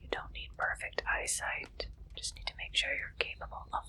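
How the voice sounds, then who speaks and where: This is an ASMR roleplay where a woman takes the interviewer role, her whisper soft and breathy. She keeps things slow, deliberate, and deadpan.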